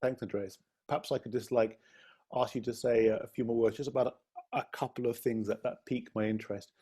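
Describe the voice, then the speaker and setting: Husky-voiced man hosting an interview. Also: medium pitch, fairly even intonation, fairly quick. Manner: chatty, gently hesitant, friendly questioning. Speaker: interviewer and co-founder hosting a live-streamed interview. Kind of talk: live-streamed interview.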